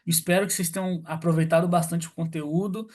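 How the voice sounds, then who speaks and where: A man's voice: fairly high pitch, fairly even intonation, fairly quick, a little mellow. A man giving an online lecture over a video call, hesitant, with many fillers and restarts. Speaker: guest lecturer on pest control.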